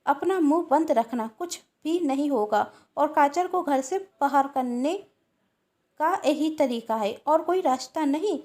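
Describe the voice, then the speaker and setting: A woman voicing a scheming, bossy married woman who talks in a sharp, commanding way. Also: high-pitched, animated, measured pace.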